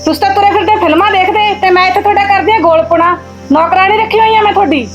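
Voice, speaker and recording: A woman's voice: very high-pitched, quick pace, dull audio, over music. A woman acting a young sister-in-law who scolds her in-laws sharply, in a village short film. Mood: scolding. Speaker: actor.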